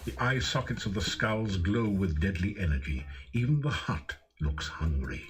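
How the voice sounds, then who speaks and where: A man's voice: deep voice, lively intonation, moderate pace. A man giving wry, scripted second-person narration for a video game.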